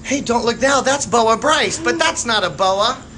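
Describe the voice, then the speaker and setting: A woman's voice: fairly high pitch, animated, unhurried, a bit bright. A woman hosting a live children's animal show, upbeat and jokey, cracking playful gags between segments. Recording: distant mic with faint background noise.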